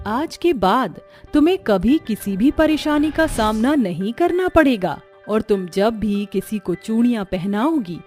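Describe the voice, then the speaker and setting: A woman voicing a benevolent goddess who speaks in a slow, measured, reassuring way, over faint music. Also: a little high, lively intonation, darkish tone.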